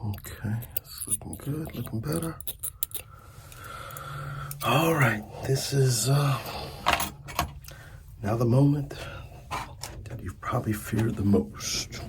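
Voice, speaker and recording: In an ASMR roleplay, a middle-aged man plays a dentist and addresses the listener as his patient with informal, teasing chairside patter. His mid-range voice moves slowly and hesitantly, with frequent pauses, over heavy background noise.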